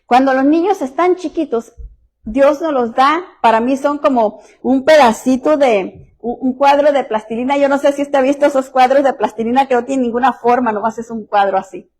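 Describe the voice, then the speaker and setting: A woman's voice: high-pitched, normal speed, darkish tone. A middle-aged woman pastor, preaching a sermon and telling personal stories in a conversational way that speaks directly to the listeners.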